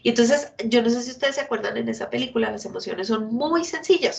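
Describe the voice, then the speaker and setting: A woman giving a workshop talk to parents, explaining things warmly and directly and acting out children's outbursts with animated emphasis. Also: medium pitch, creaky. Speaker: school family workshop speaker.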